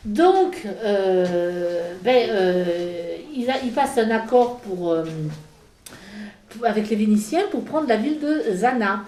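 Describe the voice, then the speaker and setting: A woman explaining medieval history in a casual talk, halting with many fillers and restarts. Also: mid-range voice, expressive, mellow, reverberant, a little hiss or hum, low-quality recording. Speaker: speaker on a church history talk. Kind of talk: informal history lecture in conversation.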